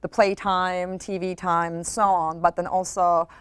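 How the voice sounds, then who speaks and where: A middle-aged woman hosting a casual talk show, chatting with frequent fillers and soft laughs. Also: lowish voice, level tone, measured pace, clean tone, no room sound. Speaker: host. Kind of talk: casual chat.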